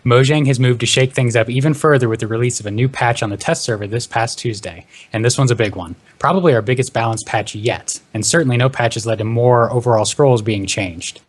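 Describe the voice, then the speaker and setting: A man hosting a panel podcast, rattling through introductions at a quick clip. His voice sits mid-range, and he keeps things upbeat and moving. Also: medium pitch. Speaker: podcast host. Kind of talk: hosted panel discussion.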